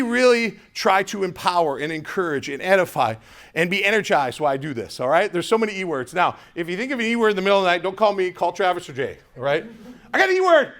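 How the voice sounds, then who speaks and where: A man giving an energetic motivational talk to a live audience, telling a personal story with quick asides to the crowd. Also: high voice. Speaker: motivational speaker.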